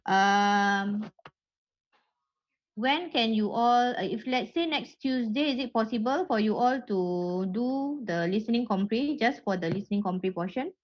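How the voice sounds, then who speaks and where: A woman's voice: a little high, lively intonation, measured pace. A woman teacher with a Malaysian accent talks casually to an online class, using colloquial Malaysian slang and tag words like lah and ah. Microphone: online call. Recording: muffled, noisy online call audio.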